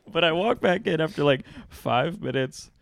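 A man co-hosting a podcast, telling a funny story in a casual, animated way with lots of laughter. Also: fairly high pitch, gravelly, no echo, studio quality. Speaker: podcast co-host.

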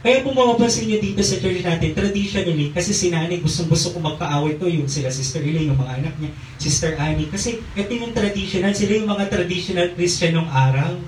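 Pastor preaching in an echoey church. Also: male voice, high-pitched, fast, a little hiss or hum. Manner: call-and-response, frequent hallelujahs and amens. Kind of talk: sermon. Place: church hall. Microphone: handheld mic. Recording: echoey church recorded from far off.

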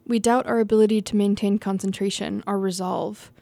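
A woman's voice: medium pitch, creaky, warm tone, no room sound. A young woman reading her own essay aloud, casual and self-correcting, laughing off her own slips and restarting lines. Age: young adult.

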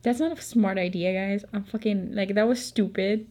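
A woman's voice: medium pitch, fairly even intonation, moderate pace, a little mellow. A young woman in her twenties with a Filipino accent, telling a story in a chatty, candid way and swearing often. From Philippines. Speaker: vlogger. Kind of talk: casual storytelling.

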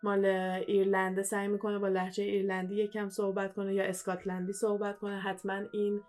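A young woman co-hosting a casual podcast, talking quickly with lots of fillers and restarts. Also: medium pitch, monotone, darkish tone. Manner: chatty, fast, many fillers and restarts. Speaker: podcast co-host.

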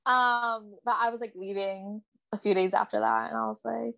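A woman's voice: on the high side, steady tone, normal speed, creaky, a bit bright. A young woman co-hosting a podcast, telling a story in casual chat with lots of filler words. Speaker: podcast co-host.

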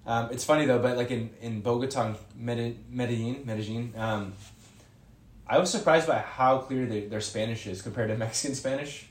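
A young adult man appears as a guest on a podcast, chatting casually in a rambling way and correcting himself as he goes. His voice is medium-pitched and his pace moderate, and the room sounds echoey.

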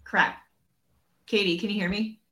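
A woman's voice: medium pitch, fairly even intonation, measured pace, a bit bright. A woman co-hosting a podcast in casual chat, her audio cutting out with uneven volume over a remote call. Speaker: podcast co-host.

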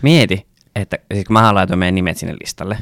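Give me a creaky-voiced young man telling offhand stories as a podcast co-host. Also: deep voice, fairly bright tone, dry recording, studio quality. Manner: swears casually, tells stories with quoted dialogue. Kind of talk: casual chat.

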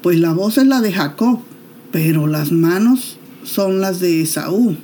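A woman voicing an aged blind father in a Bible story, speaking slowly and gravely. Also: fairly low pitch, expressive, mellow, slight background noise. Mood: gentle.

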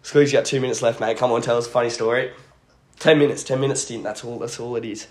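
A man's voice: medium pitch, steady tone, quick pace, darkish tone. A young man with an Australian accent hosting a podcast in casual chat, with blokey, laid-back, slangy banter. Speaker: podcast host. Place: at home, phone on a table. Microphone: phone lying on table.

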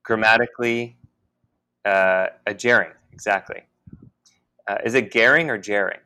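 A man co-hosting a podcast, talking in a halting, musing way with many restarts. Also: fairly low pitch, steady tone, sharp tone, smooth. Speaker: podcast co-host. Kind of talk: casual spiritual conversation.

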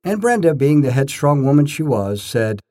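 With a mellow, sing-song, mid-range voice, an older man recounts his own scripted first-person stories. He delivers them in short, measured phrases, emphasizing like a practiced storyteller.

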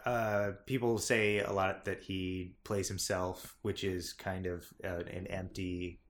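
Man, low voice, podcast co-host, wry, skeptical, casual chat. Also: little pitch movement. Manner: wry, skeptical, quick interjections.

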